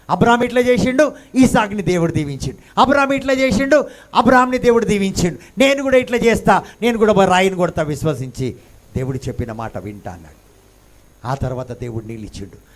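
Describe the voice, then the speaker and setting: A male pastor delivers a sermon in a high, ringing voice. He piles up rhetorical questions, dropping to a hush and then rising loud again, and slips English phrases into his preaching. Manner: dramatic rhetorical questions, swings from hushed to loud.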